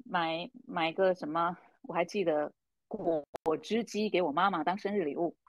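A woman's voice: on the low side, normal speed, highs cut off. A woman, co-hosting a casual coaching talk and earnestly sharing her ideas. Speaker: coach, podcast co-host. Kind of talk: casual conversation.

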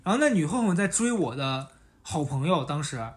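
A podcast host in relaxed conversation, telling a long anecdote with lively delivery and frequent laughter. The voice sits at a middle pitch, neither high nor low. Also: a little fast. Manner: animated, laughing storyteller. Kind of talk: casual chat, storytelling.

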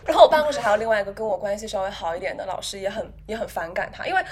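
A woman co-hosting a podcast, chatting casually and telling animated workplace stories, often laughing and mimicking coworkers. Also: medium pitch, very fast. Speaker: podcast co-host. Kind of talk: casual chat, storytelling.

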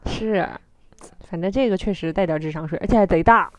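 A woman with a Northeastern Chinese accent chatting casually as a podcast co-host, telling stories in an animated, self-mocking way. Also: lowish voice, a little fast. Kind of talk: casual chat.

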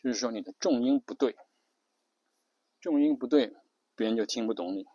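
A man's voice: medium pitch, normal speed, warm tone, husky, dry recording, dull audio. A man hosting an English-learning show, explaining in a casual spoken lesson and counting off his points one by one. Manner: taps out rhythms with spoken syllables.

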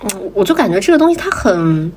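A woman's voice: medium pitch, big pitch swings, quick pace, a little mellow, a little hiss or hum. A woman from southern China chatting casually and giving opinions as a podcast co-host, in colloquial speech peppered with internet slang.

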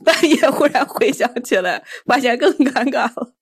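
Giggly woman co-host, higher voice. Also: expressive, normal speed, husky, dry recording. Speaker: podcast co-host. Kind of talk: casual podcast chat.

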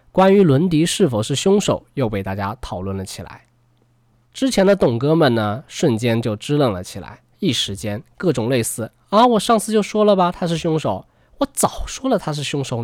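Male true crime narrator for a podcast: conversational storyteller, medium pitch, very little room sound. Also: no room sound, studio quality.

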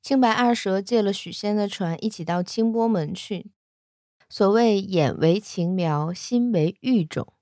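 A woman's voice: measured pace, dry recording. Dry-sounding woman telling a folk tale. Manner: lively, acts out quoted lines in shifting pitch. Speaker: storyteller. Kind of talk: casual spoken storytelling.

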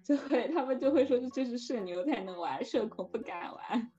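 A woman's voice: fairly high pitch, lively intonation, fairly quick, mellow. A young adult woman in casual conversation. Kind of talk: casual chat. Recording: dull lo-fi sound, music behind. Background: music.

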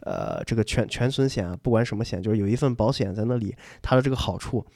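A young man talks fast in a relaxed chat, spinning a story for his co-hosts. He slips into the voices of the people in it and often doubles back on his words. The sound is close and dry, with no room around him. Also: lowish voice, creaky, no echo. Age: young adult. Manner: lively anecdote telling, acting out dialogue, repeats words. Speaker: podcast co-host.

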